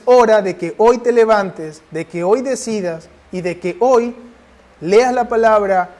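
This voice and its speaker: A man's voice: high voice, darkish tone. Man preaching with fervent questions. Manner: fervent, presses listeners with rhetorical questions. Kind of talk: sermon.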